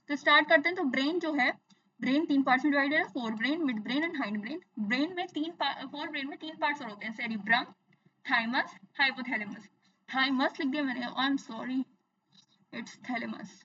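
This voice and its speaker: Brief: bright, high-pitched young woman teacher, drilling terms by repetition; slightly distant, dull mic. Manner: explains in Hindi mixed with English, repeats terms, asks and answers own questions. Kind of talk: exam-focused science lesson.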